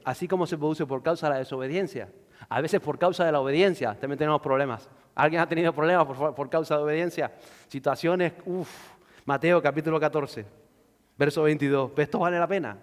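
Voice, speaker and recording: A male pastor delivers a sermon, swinging between loud shouts and hushed lows while acting out the voices of the figures he reads about. A long reverb tail follows his words.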